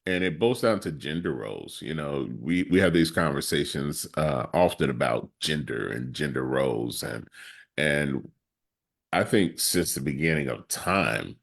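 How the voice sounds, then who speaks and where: A man co-hosting a casual discussion podcast, speaking in a measured way and leaping up in pitch when he laughs. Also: expressive, creaky, slightly rough. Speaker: podcast co-host.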